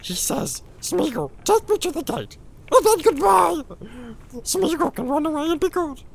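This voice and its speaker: A woman voicing Gollum, a wretched, groveling creature who pleads and wheedles in gravelly squeaks and hissing whispers. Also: sing-song, normal speed, crowd noise, heavily acted. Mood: wheedling. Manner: wheedling, whining, swinging wildly from shrieks to whispers. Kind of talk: dramatized audiobook acting. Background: background music.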